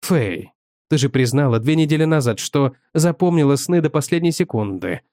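A man's voice: fairly high pitch, expressive, normal speed, mellow, no echo, lightly acted. A man voicing a jealous, bitter husband who accuses his wife with sarcasm, in an audiobook reading. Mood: accusing.

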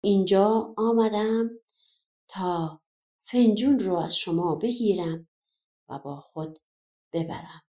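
A woman's voice: mid-range voice, pauses often, mellow, lightly acted. A woman voicing Jirmit, a bold young warrior. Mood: earnest. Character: young male warrior hero, bold and determined.

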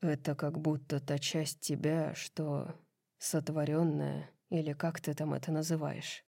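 A woman voicing a tender, awed winged fallen-angel man, speaking in a hushed, breathy whisper with her voice pitched lower and softer than her narration. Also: flat delivery, measured pace, no echo, studio quality.

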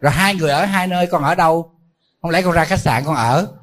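A man's voice: fairly high pitch, quick pace. A man who is a Buddhist monk, giving a conversational dharma talk and teasing his listeners with questions. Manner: questions the audience directly, teasing and lively.

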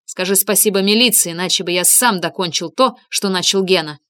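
A woman's voice: fairly low pitch, a little fast, a bit bright, natural voice. A grumpy, lanky male detective, as a woman reader puts him on, scolding and indignant in a story read aloud. He argues sharply and grumbles at everyone around him. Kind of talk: audiobook character reading.

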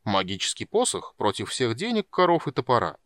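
A man's voice: mid-range voice, huge pitch swings, brisk, a bit bright, no room sound, studio quality. A man voicing a sly male dwarf who rambles through sheepish excuses about his gambling.

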